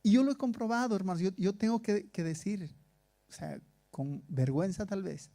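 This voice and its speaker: Man preaching a conversational sermon, dark tone. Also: high-pitched, moderate pace. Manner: conversational preaching with rhetorical questions. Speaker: pastor. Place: church in Stockholm.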